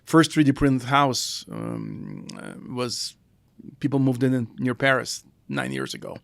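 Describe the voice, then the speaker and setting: Middle-aged Russian-accented founder, gravelly and hesitant, dry close sound. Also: male voice, medium pitch, huge pitch swings, fairly bright tone, dry recording. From former Soviet Union. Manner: halting, thoughtful delivery with restarts. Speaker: guest, founder. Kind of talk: casual podcast conversation.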